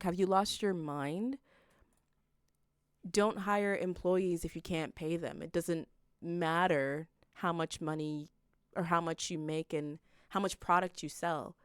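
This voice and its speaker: Woman streamer, casual read-aloud commentary, slow delivery, dry close-miked sound. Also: fairly low pitch, smooth, no room sound. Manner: unhurried, reacts with disbelief and exclamations.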